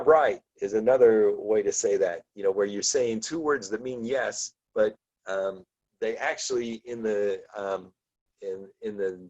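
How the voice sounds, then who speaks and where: A man leads a relaxed book discussion class in a fairly low voice. He rambles, circling back with ums and false starts. The sound is dull and lo-fi. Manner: loose, rambling, many ums and restarts. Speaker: class teacher.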